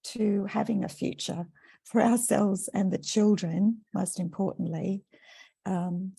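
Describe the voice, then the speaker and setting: An Australian woman, a teacher educator, speaking in a soft-spoken, thoughtful way during an online presentation. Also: mid-range voice, fairly even intonation, takes it slowly, vocal fry, breathy edge. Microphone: video call.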